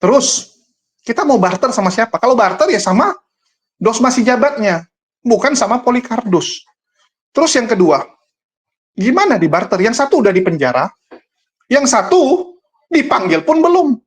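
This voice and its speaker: A man's voice: high voice, expressive, moderate pace, pauses often. A man who hosts the show and talks in a casual, argumentative monologue, scornful and full of rhetorical questions aimed at his viewers. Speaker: host and religious commentator.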